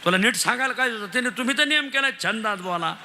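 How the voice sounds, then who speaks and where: A man's voice: very high voice, lively intonation, quick pace, pushed and bright, slight background noise, heavily acted. A man voicing an irritable rich male moneylender who scolds his servant in a folk tale. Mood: scolding.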